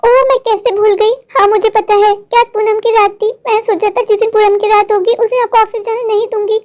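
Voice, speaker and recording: A woman's voice: very high voice, flat delivery, a little fast. Woman voicing a fussing, worried cartoon wife. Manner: fussing, questioning, gently scolding. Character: caring, chatty young wife, worried.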